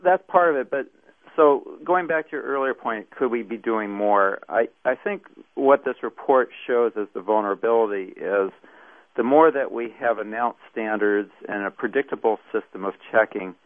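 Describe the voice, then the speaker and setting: A man's voice: medium pitch, moderate pace, no room sound. A man speaking as an academic expert guest in a radio interview, with considered phrasing, over a thin phone-like line.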